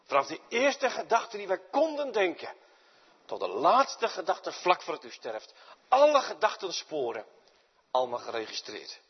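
Male preacher, lively delivery, slightly husky voice, echoing church hall. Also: high voice, a little slow. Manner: dramatic swings from loud to near-whispered. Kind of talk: sermon. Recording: dull sound with long reverb in a large hall.

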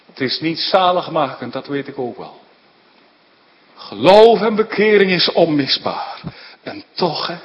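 Male pastor, unhurried and earnest, with tender hushed asides, recorded in a long-echo church. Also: a little high, highs cut off. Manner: earnest, swings from hushed tender asides to rising fervent emphasis. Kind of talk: sermon. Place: church hall.

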